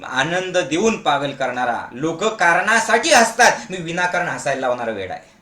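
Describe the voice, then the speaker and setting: A man leading a motivational meditation camp, forcefully urging his listeners to shout back, mixing in Hindi and English phrases. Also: on the high side, sing-song, normal speed. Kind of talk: motivational speech to an audience. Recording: echoey room.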